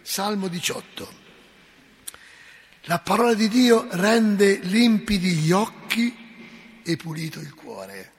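A parish priest preaches a fervent sermon, scolding and joking by turns. His voice is gravelly and husky and sits fairly high for a man. It rings out with the long reverb of a church. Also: expressive, takes it slowly, pauses often. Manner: impassioned, scolding, folksy asides.

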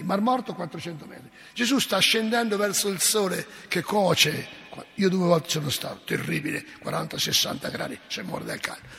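A man's voice: high voice, creaky, fairly bright tone, big-room sound. A male preacher telling a gospel story to his congregation, acting out the voices and asking them questions. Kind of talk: sermon. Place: church.

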